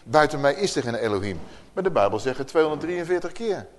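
Animated man teaching from scripture. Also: a little high, fast talker. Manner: lively, asks the audience questions, reads scripture with emphasis. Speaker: preacher. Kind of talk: Bible teaching to a live audience.

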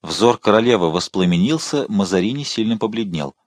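A man narrating a historical novel in an audiobook with steady, expressive storytelling. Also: fairly low pitch, a little fast, no echo, studio quality. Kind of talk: scripted narration.

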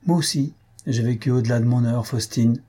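A man's voice: medium pitch, steady tone, a little fast, warm tone, breathy edge, lightly acted. A man reading the lines of a despairing young nobleman, speaking firmly and reproachfully. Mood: bitter. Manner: firm and reproachful.

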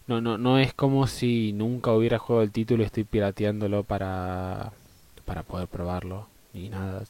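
A man's voice: fairly low pitch, a little mellow, dry recording. A man with an Argentine Spanish accent chatting casually and swearing as a live game streamer, often muttering to himself.

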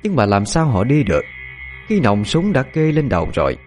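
A man telling a dramatic ghost story in an expressive storytelling manner. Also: medium pitch, normal speed, faint music behind.

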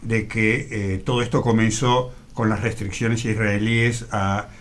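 A man adding to a radio news discussion in a measured, hesitant way, with filler pauses. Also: on the low side, level tone. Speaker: co-host commentator.

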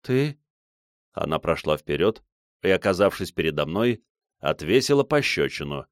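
A man giving expressive first-person audiobook narration. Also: sits low, normal speed, dry recording, studio quality.

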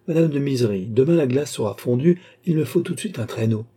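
A man reading an audiobook who voices a lively, playful young queen with an exuberant manner. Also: normal speed, breathy edge, natural voice. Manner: exuberant, raised pitch.

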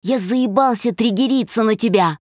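A tipsy young man leans on every line, his voice low and loose, slurred at the edges, put on by a woman reading aloud. He is pushy and clingy. The sound is dry and close. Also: normal speed, no room sound, natural voice. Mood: angry. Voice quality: low, relaxed. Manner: slurring, insistent.

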